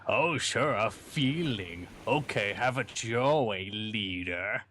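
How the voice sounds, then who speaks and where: A proud, surly pirate woman who scoffs at charity, as a man puts her on during a story game. Her delivery is gruff and scornful, with faint noise behind it. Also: on the low side, expressive, slow pace, a bit bright. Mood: sarcastic. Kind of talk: let's play voice reading.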